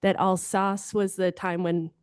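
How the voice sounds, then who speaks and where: A woman's voice: mid-range voice, flat delivery, unhurried, clear, resonant tone, no room sound, clean studio sound. A woman who runs a sled dog tour business, asking a conference panel a playful, joking question.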